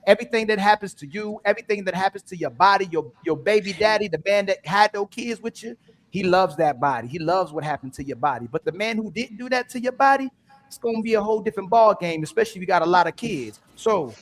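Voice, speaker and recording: A man arguing on a livestream panel, preaching in bursts that swing from loud to low. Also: animated, quick pace. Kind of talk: heated livestream panel debate.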